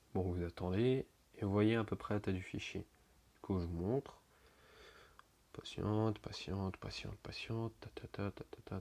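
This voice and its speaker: Young guy, lowish voice, laid-back how-to narration, rambling and full of filler words, swears now and then. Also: darkish tone. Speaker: tutorial maker. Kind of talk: casual screen-recording tutorial.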